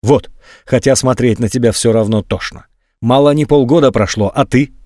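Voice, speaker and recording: A man's voice: mid-range voice, moderate pace, warm tone, dry recording, clean studio sound, natural voice. A man reading an audiobook, voicing a cold, blunt young woman who scolds her friend. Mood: scolding.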